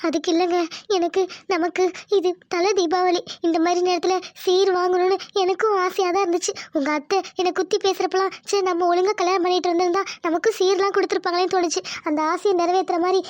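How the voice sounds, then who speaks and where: Cartoon: a meek, tearful young village wife, very high and dry. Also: female voice, flat delivery, quick pace, dry recording, lo-fi sound. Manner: pleading, polite, tearful.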